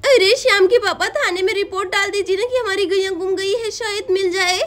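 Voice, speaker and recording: A woman's voice: extremely high pitch, fairly quick. A woman voicing a distraught young village wife who is pleading and close to tears in a cartoon story. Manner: pleading, tearful.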